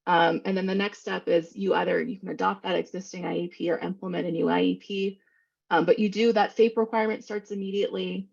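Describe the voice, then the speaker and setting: A woman giving an online training on special education law, explaining quickly and informally with many fillers over a video call. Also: mid-range voice, gravelly, breathy edge, lo-fi sound.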